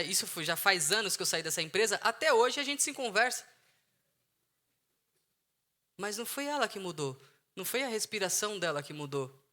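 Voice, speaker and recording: A man's voice: sits high, pushed and bright. A man with a Brazilian Portuguese accent, a psychologist giving an earnest talk that repeats key phrases for emphasis, speaking outdoors. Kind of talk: emotional intelligence talk to an online audience. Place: outdoors in the sun.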